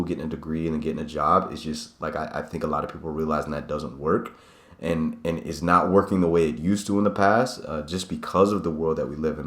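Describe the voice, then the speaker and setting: A man in his late twenties talking casually to camera in a vlog, reflective and rambling, often restarting his sentences. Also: low voice. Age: 20s. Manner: rambling, self-correcting, reflective. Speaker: vlogger. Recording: echoey room.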